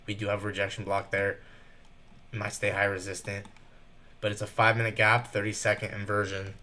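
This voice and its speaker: A nervous young man giving fast live commentary while trading, thinking out loud and rushing his words. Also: lowish voice, completely flat delivery, a little hiss or hum. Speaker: day trader streaming live.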